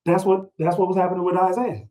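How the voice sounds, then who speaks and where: This middle-aged scripture teacher talks fast in a high, dark voice with little pitch movement. He leads a read-along informally, checking in through rhetorical questions and weaving in personal anecdotes in colloquial language.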